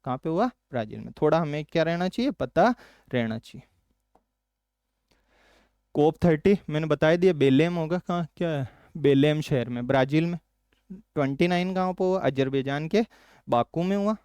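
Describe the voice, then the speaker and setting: A male teacher from Rajasthan, India, runs a current affairs exam-prep lesson, asking quick questions and then answering them lower and softer. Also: clear, resonant tone, dry recording, clean studio sound.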